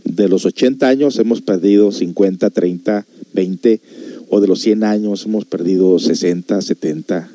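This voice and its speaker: A deep-voiced man hosts a music and reflection show, musing conversationally to listeners and posing rhetorical questions at a normal, mellow pace. The recording has no room sound.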